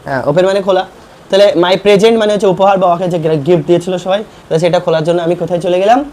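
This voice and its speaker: A man's voice: high-pitched, fairly even intonation, racing, darkish tone, far from the mic, a little hiss or hum. Male tutor in an echoey classroom. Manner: explains line by line, quizzes the class. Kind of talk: classroom English lesson. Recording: roomy classroom taped from afar.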